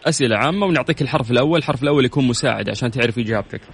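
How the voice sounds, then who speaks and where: Playful Saudi radio quiz host. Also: male voice, mid-range voice, racing, husky. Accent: Saudi Arabian. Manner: teasing, laughs often, playful banter with callers. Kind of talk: lively radio call-in quiz.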